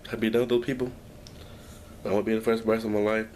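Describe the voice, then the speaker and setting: A young man talks fast and flatly to his camera indoors at home, his low, darkish voice carrying a rambling, downcast vlog full of restarts and sighs. A little hiss or hum is present.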